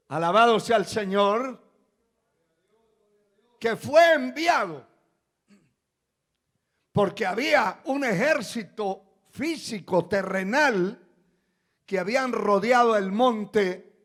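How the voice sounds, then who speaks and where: A male pastor preaching a sermon, moving from quiet asides to shouted proclamations and acting out the cries of people in the story. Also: high voice. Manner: acts out quoted cries of a frightened servant.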